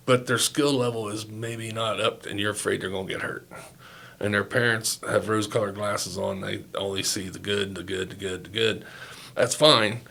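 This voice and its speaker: An older man with a Southeast Ohio accent, talking in a relaxed, folksy way. He rambles through coaching stories and drops the odd curse word. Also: lowish voice, creaky. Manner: folksy, rambling, swears freely. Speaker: podcast guest, youth football coach. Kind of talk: casual storytelling chat.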